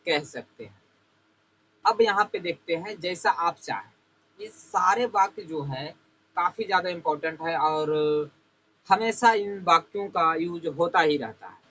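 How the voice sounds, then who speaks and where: A man teaching spoken English, slowly and deliberately repeating each English phrase. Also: a little high, a bit bright, dull audio, slight background noise. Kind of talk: spoken English lesson in Hindi.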